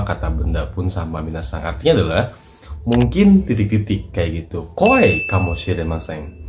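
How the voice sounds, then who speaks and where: A man teaching in a casual, chatty way, trailing off softly at the ends of his lines. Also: low-pitched. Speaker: Japanese language teacher. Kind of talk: casual lesson in short clips. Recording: noisy recording with clicks.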